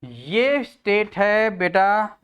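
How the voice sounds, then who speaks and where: Indian male classroom teacher, high clear voice, slow deliberate board lecture. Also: big pitch swings, dull audio. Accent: Indian English. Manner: mixes Hindi and English, addresses students as beta; slow, deliberate board explanation with frequent pauses. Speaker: chemistry teacher.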